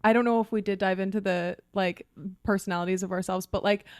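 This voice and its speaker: A woman's voice: mid-range voice, fast talker, clean tone, no echo, studio quality. A woman in her twenties co-hosting a podcast, chatting casually and telling stories with lots of "like" fillers. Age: 20s. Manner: chatty, fillers of "like", animated storytelling. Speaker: podcast co-host. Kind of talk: casual chat.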